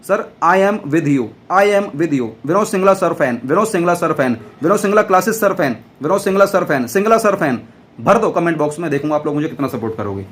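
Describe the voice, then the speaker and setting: A man teaches an accounts lesson at full volume, his voice pitched a little high. He jokes around and fires questions, then answers them in a mock student's voice. A faint hiss sits under the recording. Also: expressive, brisk. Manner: loud, almost shouting while teaching. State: dry throat. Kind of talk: classroom lecture.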